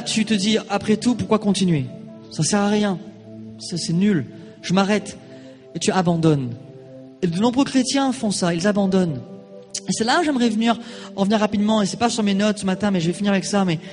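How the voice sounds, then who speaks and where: Brief: high-pitched male pastor, animated storyteller, church reverb, faint music behind. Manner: animated storytelling, acting out quoted voices. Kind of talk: sermon with personal anecdote.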